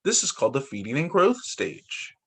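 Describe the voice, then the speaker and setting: A young male teacher reads picture books aloud to children over a video call, cutting in with little asides and exclamations. His medium-pitched voice swoops wildly in pitch, moves at a moderate pace and has vocal fry, sounding slightly rough through the computer mic.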